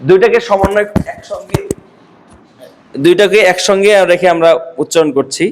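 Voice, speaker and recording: A man from Bangladesh teaching Quran letter pronunciation, drawing out and repeating each sound slowly. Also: high voice, noisy background. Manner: slow, drawn-out demonstrations of letter sounds, repeating each many times.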